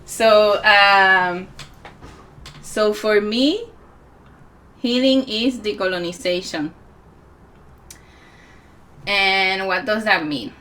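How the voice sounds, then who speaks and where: Slow-spoken Puerto Rican woman, bright tone. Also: medium pitch. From Puerto Rico. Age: 40s. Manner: unhurried, reflective, with many pauses and fillers. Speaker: musician and healer speaking at a conference. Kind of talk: conference talk.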